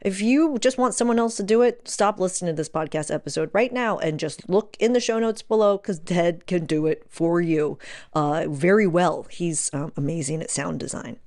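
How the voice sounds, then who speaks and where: This woman hosts a podcast alone, offering advice in a relaxed, conversational manner, repeating words for emphasis and posing rhetorical questions. Her voice is lowish and slightly mellow, at a moderate pace.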